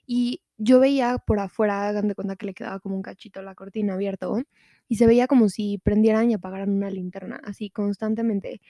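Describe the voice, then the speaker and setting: A young woman with a Mexican Spanish accent telling a scary story to a friend on a podcast, slangy and animated, acting out what everyone said. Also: medium pitch, brisk, dry recording, studio quality. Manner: animated, slangy, acts out quotes. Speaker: podcast co-host. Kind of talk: casual storytelling chat.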